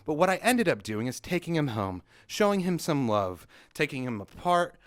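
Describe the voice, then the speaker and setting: A man's voice: a little high, big pitch swings, normal speed, no room sound. A young adult man hosting a comedic rant vlog, telling a mock-dramatic story with sarcasm in a recording studio. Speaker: vlog host.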